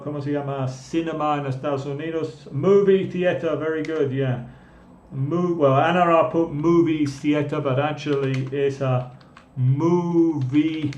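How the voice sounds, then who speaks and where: A male English teacher leading a live online language class, speaking deliberately and repeating key words and definitions for his students. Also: on the high side, darkish tone, roomy sound.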